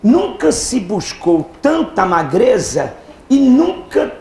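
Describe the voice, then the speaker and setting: A man teaching a live exam-prep class, lively, firing questions at the students and answering them himself. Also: high-pitched, takes it slowly. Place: lecture hall with students. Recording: echoey hall with faint background noise.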